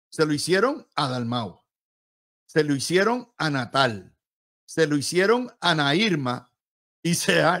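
A man's voice: high voice, a bit bright. A man with a Puerto Rican accent giving emphatic, combative and sarcastic political commentary as an analyst.

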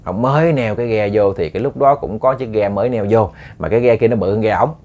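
A man's voice: lowish voice, fast, darkish tone. A man with a Southern Vietnamese accent telling a ghost story to listeners, casual and chatty with many repeated words.

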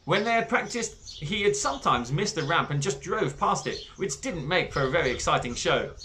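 A man reading a children's book aloud with animated, expressive storytelling. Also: a little high, normal speed, a little hiss or hum. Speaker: book club reader.

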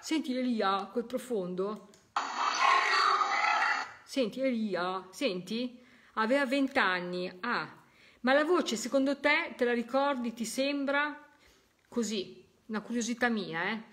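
Hosting a live spiritualist session, a woman with a slightly high voice speaks slowly and pauses often, sounding physically tired. She talks directly to her viewers, coaxing them to listen and effusively exclaiming her delight again and again. Heavy background noise runs under the recording.

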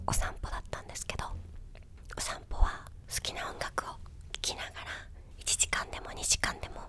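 A young woman chatting casually in a soft, breathy ASMR whisper, close to a desktop microphone in a small room. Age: young adult. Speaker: ASMR video creator. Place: small quiet indoor room with a bed or sofa. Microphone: desktop condenser microphone, close up.

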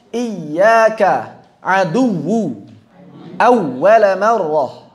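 High-voiced slow-talking male tajwid teacher. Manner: demonstrates sounds slowly and repeatedly, coaxing students to repeat. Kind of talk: live classroom lesson on Quranic letter pronunciation. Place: training hall, in front of a class.

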